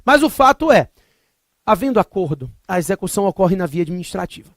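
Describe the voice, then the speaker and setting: A man's voice: high-pitched, sing-song, brisk, no echo, studio quality. A Brazilian man in his thirties giving a recorded law lecture, repeating key points emphatically and slipping into comic stories. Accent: Brazilian Portuguese. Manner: emphatic, repetitive, jokey digressions. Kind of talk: recorded exam-prep lecture with comic anecdotes.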